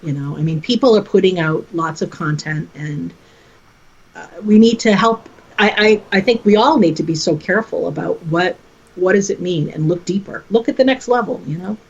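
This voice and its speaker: An earnest, chatty woman talks about media with a teacher's care, agreeing readily as she goes. Her voice is husky at a middling pitch. The sound is dull and lo-fi. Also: moderate pace. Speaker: teacher and guest. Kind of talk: casual chat.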